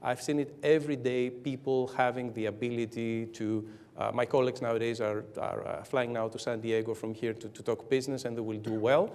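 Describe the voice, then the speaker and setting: A man speaking on a business conference panel, halting and repeating words, building up to rallying lists. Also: medium pitch, flat delivery, a little mellow. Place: hotel conference room.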